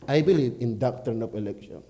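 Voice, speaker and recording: A man with a Batangas accent, a pastor preaching at a church prayer meeting, swinging from quiet asides to loud exclamations. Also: mid-range voice, brisk. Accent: Filipino, Batangas.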